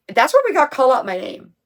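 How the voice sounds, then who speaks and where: A young woman talking casually through a video essay on music, chatty and emphatic, with slang and the odd swear. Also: high-pitched. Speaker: music commentary creator.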